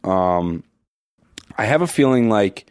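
A man talking as a guest on a casual podcast, hoarse from a cold, speaking haltingly with many restarts. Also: fairly low pitch, expressive, no echo. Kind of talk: casual chat.

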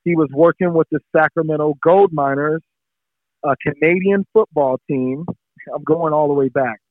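A man's voice: on the high side, normal speed, no room sound. A middle-aged man, a former pro football player, telling stories in a casual interview and acting out the people in them. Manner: animated, acts out the people in his story. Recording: tinny phone-like line, dry.

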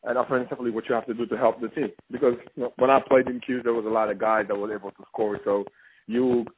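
A young man from Senegal, a former basketball player, talking as a phone-in guest in a halting way with frequent restarts. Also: medium pitch, little pitch movement. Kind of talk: casual phone interview. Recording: tinny phone line with faint hiss.

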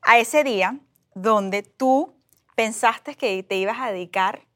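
A woman's voice: on the high side, takes it slowly, fairly bright tone. A woman interviewing a guest, asking engaged follow-up questions. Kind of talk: conversational interview.

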